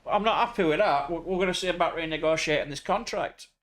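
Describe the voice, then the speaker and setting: An English man in a slightly high register talks his way through a truck driving game. He keeps up loose, crude, joking banter with his co-player as he plays. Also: fast, fairly bright tone. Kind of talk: casual gaming chat.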